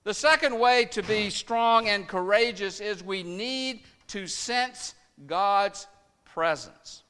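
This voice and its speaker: A male pastor preaching a sermon slowly and deliberately, letting his voice sink soft at the ends of phrases. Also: sits high, in a large hall, slight background noise. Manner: slow, deliberate preaching with dramatic drops in volume.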